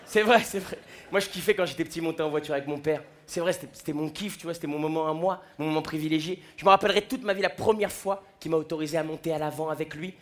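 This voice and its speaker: A young stand-up comedian with a fairly high pitch talks fast on a large comedy festival stage, through a stage microphone. He acts out the people in his stories using quoted voices.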